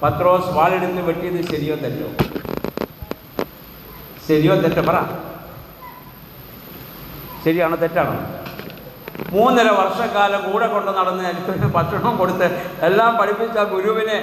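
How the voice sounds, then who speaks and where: A man's voice: sits high, measured pace, long pauses. A priest preaching a sermon, who keeps asking his congregation questions. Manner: rhetorical, asks congregation questions. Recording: heavy hall echo, faint noise.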